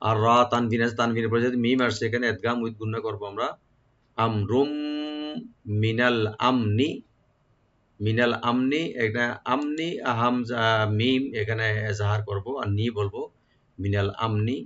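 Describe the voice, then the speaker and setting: In a step-by-step tajweed lesson, a man teaches Quran recitation by breaking verses into syllables, chanting each phrase slowly, repeating it and then explaining the pronunciation rules. His medium-pitched voice is steady and a bit bright, on a dull lo-fi recording.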